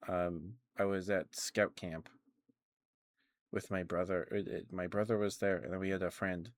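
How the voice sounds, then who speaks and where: Young adult male, low voice, soft-spoken ASMR chat, giggly halting rambles, very dry close sound. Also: fairly even intonation, no echo. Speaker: ASMR streamer.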